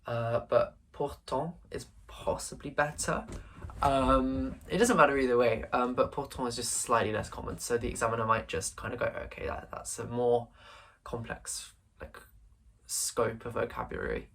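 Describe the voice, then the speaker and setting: A man's voice: mid-range voice, steady tone, normal speed, creaky, a bit bright, slight background noise. A young man tutoring through an exam paper, thinking aloud with frequent hesitations and fillers. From England. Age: late teens. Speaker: language tutor. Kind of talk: screen-recorded exam walkthrough.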